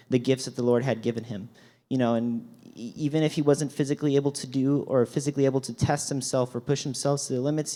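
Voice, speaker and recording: A man giving a church talk to a group, explaining dictionary definitions and often pausing with ums and restarts. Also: mid-range voice, a little mellow. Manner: hesitant, frequent ums and restarts. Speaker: youth talk speaker at church. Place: speaking up front to a group.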